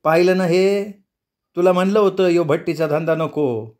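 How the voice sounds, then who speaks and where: A man's voice: high voice, normal speed, darkish tone, pitched above the performer's own voice, close to an everyday voice. A male storyteller voicing an anxious, tearful poor older woman in an audiobook. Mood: fretful. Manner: tearful, pleading.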